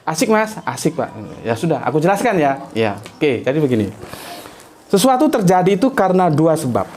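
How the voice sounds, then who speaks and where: Middle-aged male preacher, somewhat high voice. Relaxed anecdotal storyteller, chatty and informal. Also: a little fast, slight background noise. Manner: chatty, anecdotal, frequent conversational tags and laughs. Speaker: Islamic preacher. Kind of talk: storytelling religious talk.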